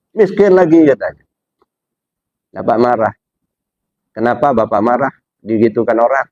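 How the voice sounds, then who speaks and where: A man giving a religious study lecture, asking his listeners rhetorical questions and jumping up in pitch to stress his points. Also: a little mellow, no room sound, highs cut off. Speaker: Islamic religious teacher.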